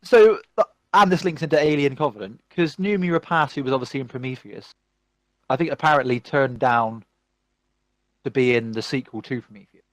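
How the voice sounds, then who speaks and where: A man hosts a casual podcast chat, rambling and ranting with lively enthusiasm. His voice sits at an ordinary middle pitch. The sound is dry and close, with no room echo. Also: normal speed. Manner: animated, rambling movie ranting. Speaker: podcast host.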